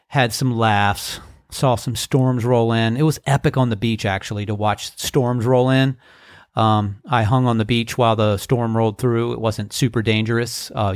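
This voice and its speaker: A man's voice: mid-range voice, no echo. A middle-aged man talks alone into the mic for his podcast, easygoing and thoughtful, in a mid-range voice. He is recorded dry and close, with no room sound around him. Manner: relaxed, reflective, unhurried, many ums and uhs. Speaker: podcast host. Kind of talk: casual solo podcast monologue.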